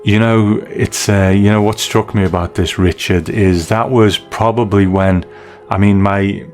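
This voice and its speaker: Chatting his way through listener feedback, a middle-aged podcast host from the UK speaks in a lowish, slightly mellow voice. His intonation stays fairly even and he's unhurried, with faint music in the background.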